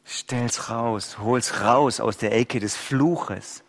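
A male pastor preaching an impassioned sermon, swinging between loud outcries and hushed low asides. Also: fairly even intonation, very slow, vocal fry. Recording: long hall reverb.

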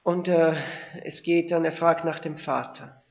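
A man's voice: a little high, flat delivery, measured pace, creaky. A man reading a Bible passage aloud and commenting on it between verses, sometimes restarting his sentences. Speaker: preacher. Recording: dull lo-fi recording.

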